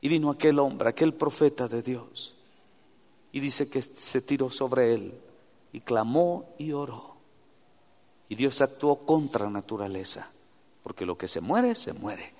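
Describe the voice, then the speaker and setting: A man preaching a sermon who moves from hushed, near-whispered asides to loud, fervent exhortation and calls his listeners brother. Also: mid-range voice, a little slow, pauses often. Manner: addresses listeners directly as brother. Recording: long hall reverb.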